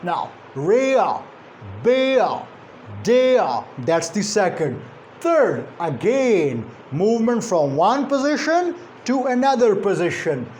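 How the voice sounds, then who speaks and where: A man teaching English pronunciation, speaking deliberately and repeating example sounds slowly. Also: sits high, very animated, a little mellow, a little hiss or hum. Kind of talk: phonetics lecture.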